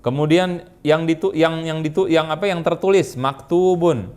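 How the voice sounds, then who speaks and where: Indonesian-accented male teacher, slightly high voice, quizzing students in a grammar class. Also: darkish tone. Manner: quizzing students with quick questions. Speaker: Arabic teacher. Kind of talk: classroom lesson.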